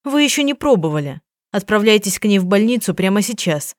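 A woman reading the lines of a calm, firm woman detective who talks quietly and gently in an audiobook. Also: mid-range voice, brisk, dry recording, clean studio sound, close to an everyday voice. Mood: stern. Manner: quiet and gentle, turning stern. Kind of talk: audiobook dialogue.

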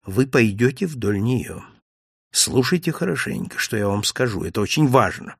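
A man voicing a calm, didactic Italian male detective in an audiobook reading, speaking in a lecturing, commanding manner. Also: on the low side, moderate pace, gravelly, breathy edge, dry recording, clean studio sound, heavily acted. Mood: instructive.

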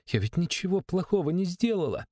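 A man's voice: high voice, very animated, a little fast, warm tone, dry recording, studio quality, pitched above the performer's own voice. Man doing a timid stuttering young woman. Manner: timid, faltering.

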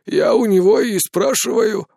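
A man's voice: high voice, wildly swooping pitch, measured pace, a little mellow, no echo, clean studio sound, pitched above the performer's own voice, exaggerated voice. A man reading an audiobook, voicing a flustered elderly father who rambles in a simple, hesitant way. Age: older.

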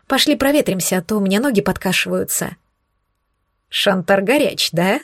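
A woman's voice: mid-range voice, animated, moderate pace, no room sound, clean studio sound. A woman voicing a cheeky, purring male incubus. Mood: joking. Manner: purring, joking.

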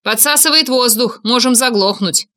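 Audiobook: woman reads brash male pilot, shouts over the motor, bright and tense. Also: on the high side, normal speed, pitched above the performer's own voice. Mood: shouting. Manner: shouting over engine noise. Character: male pilot Nick, reckless joking young man. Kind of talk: audiobook character voice.

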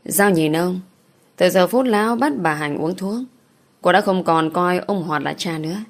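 Female audiobook narrator, steady, lowish voice. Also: normal speed.

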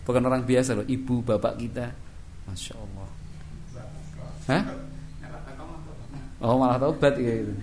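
A man's voice: medium pitch, slight background noise. A middle-aged man with a Javanese accent giving a religious study lecture in a casual, conversational way. He acts out everyday dialogue and keeps coming back to a small verbal tic. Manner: conversational, acts out quoted dialogue in shifted voices; repeats "kan itu" as a verbal tic. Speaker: preacher.

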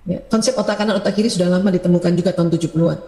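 A middle-aged woman giving a lively religious talk on parenting, asking rhetorical questions and acting out the voices of parents and children. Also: on the low side, very fast. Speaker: Islamic parenting preacher. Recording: echoey hall with long reverb.

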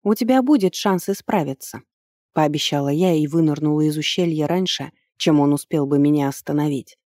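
Brief: woman audiobook narrator, dark mellow timbre, steady storytelling delivery. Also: low-pitched, brisk, no echo, studio quality. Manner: even, storytelling delivery with lively lifts on dialogue. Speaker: audiobook reader. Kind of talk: first-person fantasy audiobook narration.

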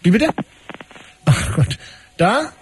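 A man hosting a fast call-in radio show, wry and brisk, cutting callers short. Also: high voice, very animated, heavy background noise.

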